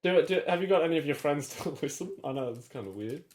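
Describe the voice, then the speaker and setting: A man's voice: on the high side, animated, quick pace, darkish tone. A man co-hosting a casual podcast interview over an internet call, enthusiastic and full of eager questions. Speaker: podcast co-host.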